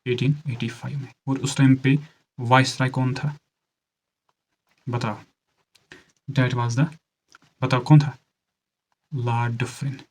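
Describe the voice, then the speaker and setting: Man, exam-prep teacher, slow and deliberate, repeats answers, quizzes students, mid pitch. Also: little pitch movement, poor audio. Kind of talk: exam-prep lecture mixing Hindi and English.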